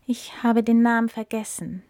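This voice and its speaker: A woman's voice: a little high, little pitch movement, normal speed, darkish tone, no room sound, close to an everyday voice. A woman voicing a dazed, stammering gazelle in a storybook reading. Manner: stammering, confused. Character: dazed young female gazelle.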